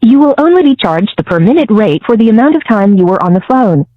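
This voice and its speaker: A woman's recorded voice reads out a jail collect call prompt over a payphone line. She speaks in measured, clearly separated instructions with a lively rise and fall. The sound is dull and lo-fi, dry and close. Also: a little high, dry recording. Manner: measured, evenly spelled-out instructions. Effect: collect call prompt heard over a payphone line. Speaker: automated jail phone announcer. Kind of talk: recorded automated announcement.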